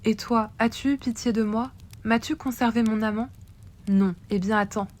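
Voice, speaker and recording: A woman's voice: a little high, steady tone, moderate pace, darkish tone, lightly acted. A woman voicing a cruel, jealous sorceress queen who laments over her lover, recited in a storybook reading. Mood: bitter.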